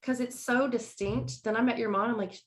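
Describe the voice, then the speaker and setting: A woman's voice: fairly high pitch, fairly even intonation, a little fast. A woman co-hosting a podcast in casual, chatty talk. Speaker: podcast co-host. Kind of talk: casual chat. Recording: roomy echoey room.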